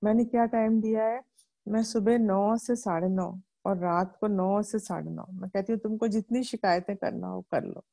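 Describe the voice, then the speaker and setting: Indian lady walking viewers through a self-help book, chatty, mellow low-key tone, asks herself questions. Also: fairly even intonation, normal speed, creaky. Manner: chatty, asks and answers her own questions, acts out quoted lines. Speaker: book explainer.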